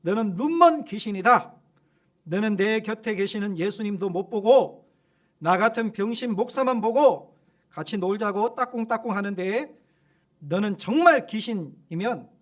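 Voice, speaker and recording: A man voicing a bold male pastor who loudly orders a demon out, in a commanding, raised voice. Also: sits high. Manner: loud commanding rebuke.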